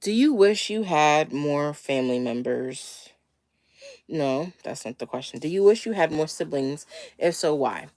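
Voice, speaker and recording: A woman's voice: low voice, animated, measured pace, darkish tone, no echo, studio quality. Slightly wheezy woman with a cold, livestream chat. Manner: laid-back. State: getting over a cold. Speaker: livestream host. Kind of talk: casual question-and-answer livestream chat.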